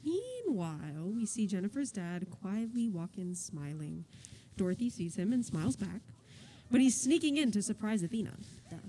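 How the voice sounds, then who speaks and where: A woman reads the stage directions aloud as narrator of a musical. Her voice is dark and mellow, set at a middle pitch. Her delivery is plain and matter-of-fact, with dry asides. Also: big pitch swings, normal speed, a little hiss or hum, poor audio.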